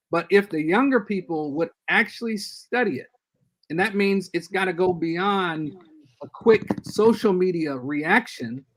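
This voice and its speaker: An older man, appearing as a guest church leader, offers earnest, measured advice during a casual podcast chat held over video call. His voice is high, and the recording sounds rough.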